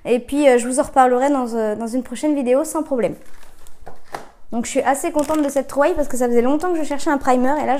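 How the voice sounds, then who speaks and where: Woman, high voice, casual haul vlogger; hesitant, filler-heavy, self-correcting delivery; phone-camera sound. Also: a little mellow. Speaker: vlogger reviewing discount-store buys. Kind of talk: casual chatty product haul.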